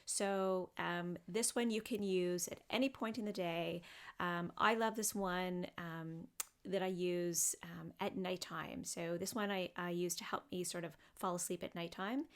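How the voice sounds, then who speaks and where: With a fairly low pitch, a female psychotherapist talks through a body scan meditation in a gentle, unhurried manner, often using fillers.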